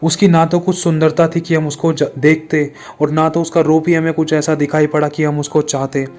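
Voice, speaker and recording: A man preaching an emotional testimony, his tone somewhat high but mellow and held to a narrow, flat range. He circles back on pleading phrases again and again. Soft music plays faintly behind him. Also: moderate pace. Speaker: pastor. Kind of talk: testimony sermon.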